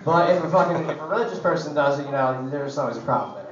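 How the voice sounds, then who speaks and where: Fast-talking young man, crude stand-up. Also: a little high, a crowd in the background. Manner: crude, profane and rambling, full of "like, you know". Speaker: stand-up comedian. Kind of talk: stand-up comedy set. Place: coffee shop. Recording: echoey, dull, distant camera recording.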